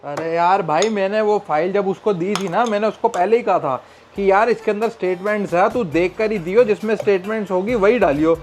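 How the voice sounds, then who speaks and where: An actor playing a harried young husband and son-in-law, defensive at home and exasperated on work phone calls. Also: male voice, high voice, fairly quick, a little mellow, natural voice. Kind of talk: comedy sketch acting.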